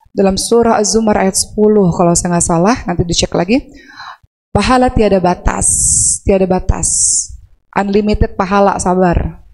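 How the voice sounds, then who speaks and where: A woman's voice: medium pitch, a little mellow. Brief: woman preacher, chatty with the crowd, long hall reverb. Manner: conversational, asks the audience questions; acts out anguished prayers in a raised voice. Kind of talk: religious talk to women. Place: large mosque hall.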